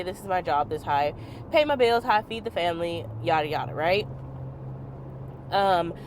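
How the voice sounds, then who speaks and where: A woman's voice: mid-range voice, slight background noise. A woman content creator with a congested, stuffy voice, chatting casually while driving. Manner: chatty, many fillers. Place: in a car, driving.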